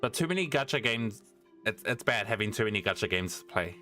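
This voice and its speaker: A man's voice: fairly low pitch, lively intonation, fairly quick, music in the background. A man giving casual gameplay commentary as a streamer, chatty and informal. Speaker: game streamer.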